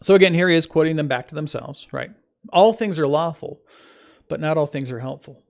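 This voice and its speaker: Gravelly man reading scripture aloud. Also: on the high side, brisk, darkish tone. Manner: stops to correct his slips and add informal asides. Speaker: Bible reader.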